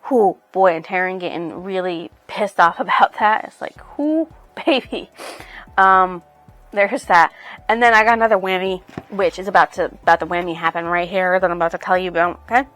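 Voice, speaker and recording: A woman's voice: fairly low pitch, normal speed, a bit bright, no room sound, faint music behind. A woman reviewing a novel in casual chat, rambling with many fillers and swearing freely. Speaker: book reviewer.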